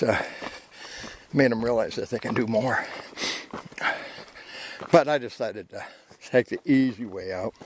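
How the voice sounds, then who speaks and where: A man's voice: fairly low pitch, creaky. An older man talking casually while hiking a canyon trail, out of breath, rambling easily with fillers into his handheld camera. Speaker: hiking vlogger. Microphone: handheld camera while walking. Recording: loud outdoor noise.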